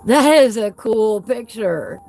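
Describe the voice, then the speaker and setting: Woman, higher-pitched voice, whistling S's, casual folksy host chat, gushing exclamations, music in the background. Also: lively intonation, slow, gravelly, a little mellow. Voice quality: whistling S sounds. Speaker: host of a coloring book channel. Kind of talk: casual live chat while flipping through a book.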